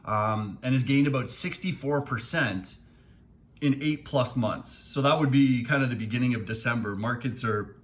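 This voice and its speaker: A man who works as a financial advisor, talking casually to camera with frequent ums and plain, steady explanations. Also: medium pitch, normal speed. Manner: relaxed, many fillers, plainspoken. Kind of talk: casual video commentary.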